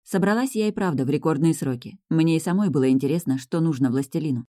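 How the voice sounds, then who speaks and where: Calm first-person audiobook reader, measured pace, warm mellow tone, close dry studio sound. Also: medium pitch, no room sound. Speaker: audiobook narrator.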